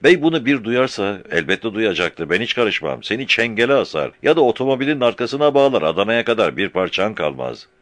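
A man's voice: lowish voice, very animated, a little fast, few pauses, a bit bright, dry recording, voice pushed up. A man doing a furious scolding town notable. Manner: scolding, indignant. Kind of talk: audiobook character voice.

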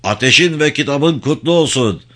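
A man voicing a stern, domineering male guerrilla commander who shouts orders and slogans at his fighters in an audiobook. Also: lowish voice, animated, moderate pace. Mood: commanding.

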